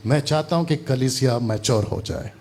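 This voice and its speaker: A man preaching a lively sermon at a conference, teasing the crowd and acting out quotes in playful voices. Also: mid-range voice, moderate pace, background noise. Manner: animated, teasing, acts out quotes. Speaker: pastor. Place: conference hall.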